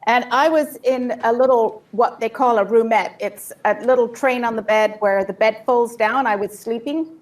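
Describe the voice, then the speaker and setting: A woman with a fairly high voice recounts a personal story in short, vivid bursts. She stops after each phrase so an interpreter can follow. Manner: vivid storytelling, pausing for translation. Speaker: guest speaker. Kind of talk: personal testimony with live interpreter.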